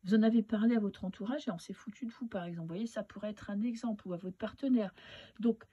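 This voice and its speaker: A woman giving a casual tarot reading in a halting, advising way, her voice weak and husky from swollen tonsils. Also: mid-range voice, dark tone, muffled recording. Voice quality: husky, not very powerful. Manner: hesitant, halting, advising listener directly. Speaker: tarot reader and medium.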